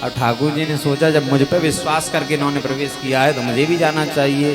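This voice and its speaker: A Bhagavat katha preacher delivers a devotional sermon with chanted Sanskrit verses at a live katha gathering, with musical instruments playing behind him. He tells sacred stories fairly quickly with fairly even intonation, letting his voice sink low and soft at the end of each phrase.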